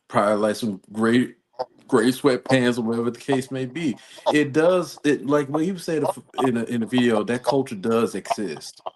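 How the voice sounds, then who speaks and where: Hosting a casual talk show, an American man with a fairly low, darkish voice rambles through a personal story, acting out the back-and-forth exchanges in quotes.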